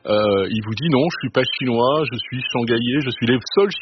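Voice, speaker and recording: A man in his sixties, a chef being interviewed on radio, talking in a thoughtful, musing way with frequent pauses. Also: medium pitch. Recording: muffled radio broadcast with hiss.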